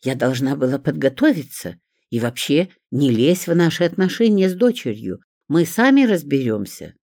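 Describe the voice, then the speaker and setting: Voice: sing-song, normal speed, a little mellow, no room sound, studio quality. A reader voicing a self-pitying young mother who whines, shrieks and plays at tears. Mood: defensive. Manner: shrill, whiny, melodramatic.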